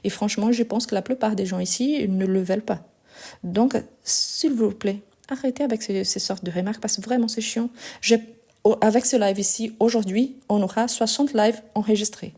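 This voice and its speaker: A woman with a Lyon French accent teaching a live French lesson, speaking slowly and deliberately, with exasperated asides. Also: mid-range voice, dark tone, husky. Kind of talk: live-streamed language lesson.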